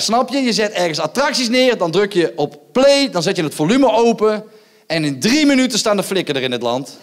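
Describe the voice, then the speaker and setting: Male stand-up comic, high-pitched voice, loud and mocking, teasing the crowd from a theatre stage. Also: a little hiss or hum. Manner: loud, mocking, goading the audience with rhetorical asides. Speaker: stand-up comedian. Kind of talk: live stand-up performance.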